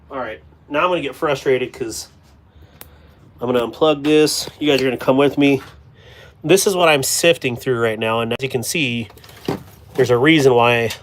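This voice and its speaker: A man's voice: mid-range voice, slight background noise. A man hosting a casual livestream, rambling to his chat while sorting stickers and gear at a cluttered workspace. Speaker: livestream host. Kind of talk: casual live-stream chat.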